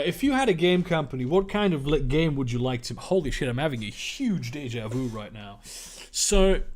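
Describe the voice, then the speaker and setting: On a livestream, a young German man with a medium-pitched voice reads out viewer questions and answers them in a casual, rambling, profanity-laced way.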